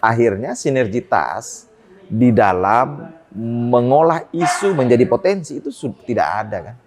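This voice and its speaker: A man's voice: expressive, measured pace, darkish tone. Hesitant man rising to emphatic points. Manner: many hesitations, rises in pitch when making a point. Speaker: port business guest. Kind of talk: interview answers.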